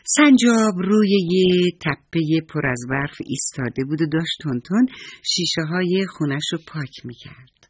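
A man gently narrating a children's bedtime story and speaking tenderly to the little listeners. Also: a little high, expressive, slightly rough, no room sound. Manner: tender, soothing, addresses children.

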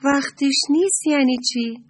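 An eager little creature voiced by a woman asks question after question in a children's storybook. The voice is breathy and very lively. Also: mid-range voice, dry recording. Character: small, curious young fish-like creature.

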